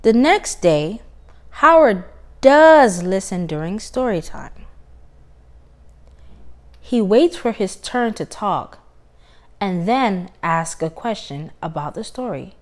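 In a mid-range voice, a woman reads a children's story aloud. Her phrasing is expressive, deliberate and emphatic.

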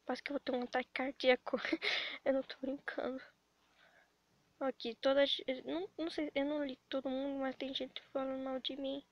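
A woman's voice: high voice, flat delivery, fairly quick, dry recording. A woman with a Brazilian accent vlogging about her animation channel. She is anxious and near tears, and her rambling, breathless talk keeps breaking off and restarting. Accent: Brazilian Portuguese. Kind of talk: emotional webcam vlog.

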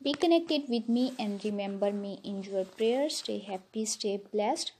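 A woman's voice: mid-range voice, animated, unhurried, a little mellow, slightly rough. A woman narrating a showcase as a channel host, in effusive, repetitive phrasing.

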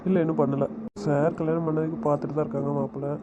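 A man rattles off teasing remarks and bossy instructions at a quick clip. His voice comes through a dull, muffled phone line. Steady background noise runs under everything he says. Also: a little high. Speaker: husband on a phone call. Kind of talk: casual phone conversation.

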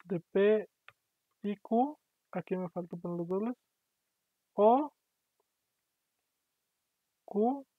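Speaking extremely slowly with frequent pauses, a university lecturer gives an online programming class in a high-pitched, animated voice. The sound is tinny, dry, and phone-like, with no echo, and he explains patiently while checking in with students often.

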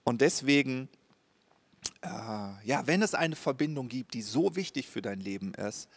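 A man's voice: medium pitch, animated, unhurried, vocal fry, slightly rough. A man preaching a sermon as a pastor, speaking straight to the listener and often checking in with a short "ja?". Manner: direct address with frequent "ja?" check-ins.

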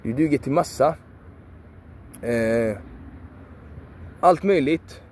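A man's voice: mid-range voice, darkish tone, a little hiss or hum. A man giving a passionate motivational monologue, repeating phrases emphatically, swearing for emphasis and sounding preachy. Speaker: video creator.

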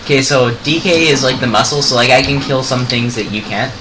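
Over game music, a young man gives easygoing let's play co-commentary in a mid-range voice at a fairly quick pace. The recording is low quality, and he chats freely while explaining his moves as he plays.

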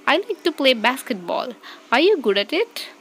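A woman reading both parts of a short scripted English practice dialogue, clearly and evenly. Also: sits high, big pitch swings, moderate pace, fairly bright tone, slight background noise. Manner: reads both parts of a short dialogue, repeated at varied speeds.

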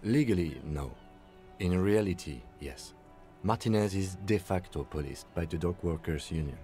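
An actor playing a calm, dry police lieutenant in a video game, speaking with restraint and precision. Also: male voice, sits low, normal speed, faint music behind.

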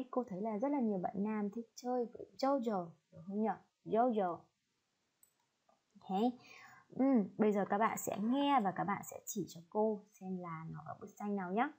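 A Vietnamese woman works as an English teacher, giving an online lesson to children and patiently drilling each word. Her voice is mid-range with a darkish tone, and the lo-fi recording sounds slightly dull.

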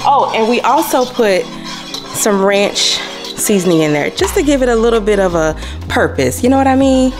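A cooking vlog host narrates a video in her home kitchen, chatting casually and often calling viewers "y'all." Her fairly high voice has lively intonation and a moderate pace, with background music playing under it.

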